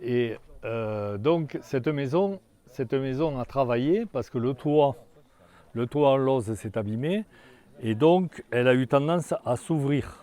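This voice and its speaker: Halting older man guiding a tour. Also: mid-range voice, warm tone. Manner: halting, many restarts and fillers. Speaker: tour guide. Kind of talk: guided tour talk. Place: outdoors in a hamlet.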